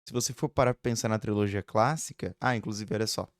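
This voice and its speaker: Speaking fast in a low register, a man in his twenties vlogs from a room at home, wandering from point to point with frequent fillers and tag questions. The audio is studio quality, with no room sound.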